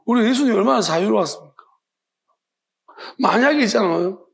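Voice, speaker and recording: A man's voice: high voice, animated, a little fast, gravelly, breathy edge. A male pastor, preaching an evening sermon with emphatic rhetorical questions. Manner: emphatic, rhetorical questions, acts out imagined voices.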